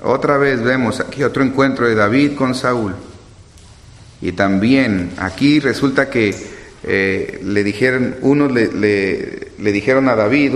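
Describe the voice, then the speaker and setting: Preaching man in an echoey hall. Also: medium pitch. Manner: retells scripture with dramatic acted quotes. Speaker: pastor. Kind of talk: sermon. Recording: echoey hall with long reverb.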